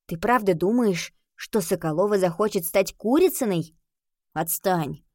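A sharp-tongued schoolgirl with a writer's dreams, exasperated and sarcastic with her friend, read by a woman narrating an audiobook. Her voice sits in an ordinary middle range. The recording is dry and close. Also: medium pitch, expressive, measured pace, dry recording. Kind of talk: audiobook reading.

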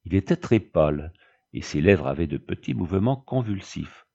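Male audiobook narrator, measured storytelling, gravelly voice, lo-fi sound. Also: low voice, expressive, darkish tone. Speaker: audiobook reader. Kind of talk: scripted narration. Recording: dull lo-fi audiobook recording.

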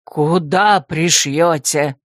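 A woman voicing an irritable aristocratic male academy rector who growls and snaps in a lowered voice. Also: measured pace, no room sound, clean studio sound. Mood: exasperated. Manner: gruff, shouting, exasperated.

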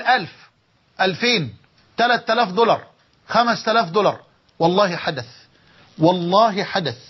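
A man's voice: high-pitched, breathy edge. A man preaching a sermon in an Egyptian accent, telling stories with emotion and repeating key phrases. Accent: Egyptian Arabic. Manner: emotive storytelling with repetition. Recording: dull lo-fi recording.

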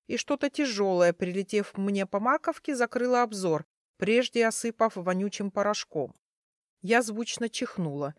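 A woman reading a first-person fantasy story as an audiobook narrator, in a measured storytelling manner. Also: medium pitch, no echo, clean studio sound.

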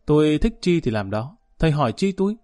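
Man voicing a defiant young farmer, storybook, blunt, loud, mellow dark tone. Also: fairly high pitch, very animated, a little fast. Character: burly defiant young farmer student, married.

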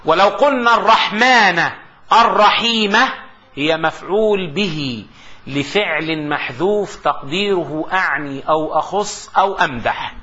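High, bright-voiced male grammar lecturer. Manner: explains with rhetorical questions and slow recitation of examples. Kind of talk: classroom lecture. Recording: dull lo-fi lecture recording.

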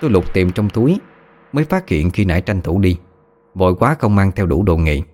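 A man narrating a first-person audio story in a steady storytelling manner. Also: deep voice, a little fast.

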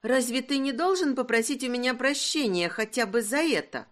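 A woman playing a proud young heiress in a romance audiobook, earnest and quick to argue. Her voice moves with a lively, wide-ranging pitch. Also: natural voice. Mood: indignant.

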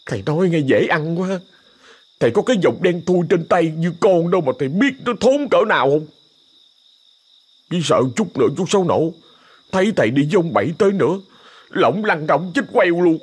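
A man's voice: animated, normal speed, husky. A man voicing a nervous young male debt collector who whines and frets. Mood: whining. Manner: high, whiny, fretful.

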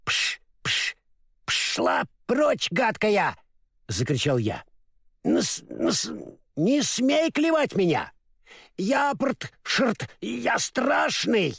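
A naive straw scarecrow, put on by a man reading a storybook aloud, chatters in a high, sing-song voice that leaps all over the place. He stammers and muddles his words, then corrects himself. The sound is dry and close. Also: big pitch swings, a little slow, no room sound, heavily acted. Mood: storytelling. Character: clumsy naive straw scarecrow, male, cheerful.

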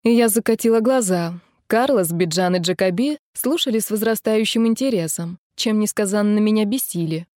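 A woman's voice: medium pitch, moderate pace, few pauses, a little mellow, no echo. Woman narrating a novel, dry sound. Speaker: audiobook narrator. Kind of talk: first-person novel narration.

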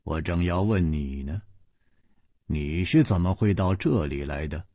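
A wry young swordsman hero, voiced by a male storyteller, with low, quiet, clipped lines. His voice sits below the narrator's own and sounds dark and husky. He is calm and dry in an old-style storybook tale. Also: measured pace, dry recording, exaggerated voice. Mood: cool.

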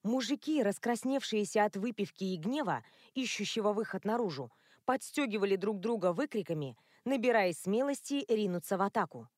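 A woman narrating an audiobook chapter with a measured, expressive reading. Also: medium pitch, no echo, clean studio sound. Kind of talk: scripted narration.

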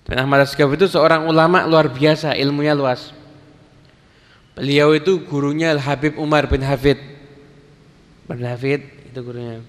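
A man preaching a sermon, telling stories in a relaxed way and acting out the dialogue. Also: on the high side, normal speed, long pauses. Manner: casual Javanese-flavoured Indonesian, acts out quoted dialogue. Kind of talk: sermon storytelling. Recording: long reverb of a hall.

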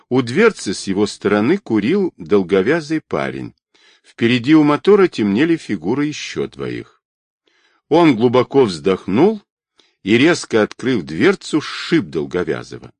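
A man narrating an adventure story as an audiobook in an expressive, dramatic reading. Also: lowish voice, dry recording. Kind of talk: scripted narration.

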